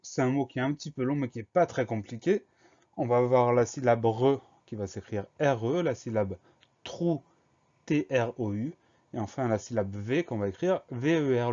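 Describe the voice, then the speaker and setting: Male teacher, mellow warm tone, methodical spelling lesson delivery, muffled recording. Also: mid-range voice. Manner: methodical, spells words out letter by letter.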